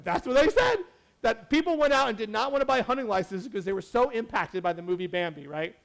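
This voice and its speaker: High-voiced man preaching a chatty sermon. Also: fast, creaky. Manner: chatty, animated, full of asides and restarts. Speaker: pastor. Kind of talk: casual sermon.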